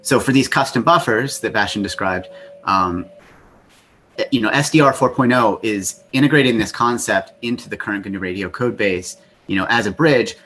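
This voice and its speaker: A man's voice: lowish voice, normal speed, a bit bright. A man giving a technical talk on a video call through a laptop mic next to its whirring cooling fans, explaining with frequent restarts. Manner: explanatory, restarts often with "you know". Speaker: software developer presenting. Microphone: laptop built-in mic next to the cooling fans. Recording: laptop fan noise under the voice.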